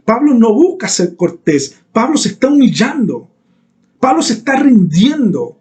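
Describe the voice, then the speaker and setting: A man's voice: very high voice, very animated, unhurried, darkish tone. A male pastor preaching a sermon in a church, emphatic and repeating key phrases for weight.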